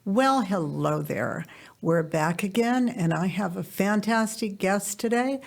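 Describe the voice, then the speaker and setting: Gravelly-voiced chatty woman podcast host. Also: mid-range voice, lively intonation, slow pace. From US East Coast. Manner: effusive and chatty. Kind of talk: casual interview chat.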